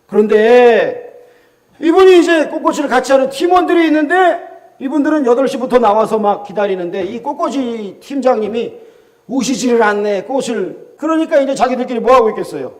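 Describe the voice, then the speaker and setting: A man's voice: very high-pitched, darkish tone. A male pastor with a Gyeongsang accent preaching a sermon, telling stories and acting out the voices of church members, repeating key phrases for emphasis.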